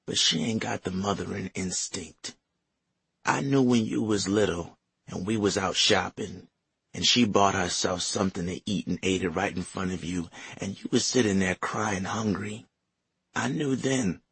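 A man voicing a frail, dying grandmother who speaks softly and tenderly through pain. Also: deep voice, normal speed, no echo, exaggerated voice. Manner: soft, breathy, pained.

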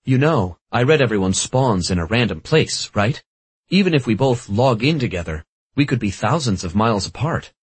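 A man's voice: medium pitch, expressive, normal speed, breathy edge, dry recording. A man voicing a stubborn young gamer who grumbles and jokes dryly. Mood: excited. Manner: dry, grumbling.

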